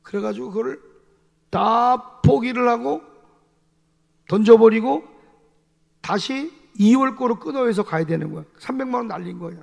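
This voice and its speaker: A male pastor tells a story from the pulpit in an animated, emphatic way, piling up repeated fillers as he builds his point. His voice sits high for a man and carries a gravelly rasp. It rings with the long reverb of a church sanctuary. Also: moderate pace, long pauses. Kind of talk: sermon storytelling.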